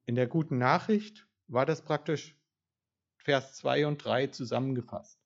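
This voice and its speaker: A man with a gravelly voice preaches in a loose, conversational way and keeps putting questions to his listeners. The recording sounds dull and lo-fi. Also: mid-range voice, unhurried. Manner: conversational, asks the congregation questions. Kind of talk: informal sermon with audience questions.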